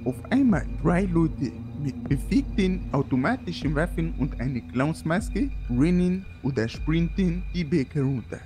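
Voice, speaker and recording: A man with a high voice, teasing and mocking in a sing-song way during a game roleplay chat. Music runs behind him. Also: lively intonation, measured pace, hardly any pauses.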